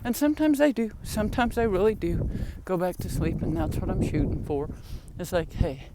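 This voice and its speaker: A woman's voice: lowish voice, big pitch swings, brisk. An older woman telling rambling stories about her family and pets in a chatty way, with laughs and sighs, walking outside in the wind. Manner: chatty, laughing, sighing asides. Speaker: vlogger. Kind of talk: rambling personal storytelling. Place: outdoors in wind, walking home with groceries.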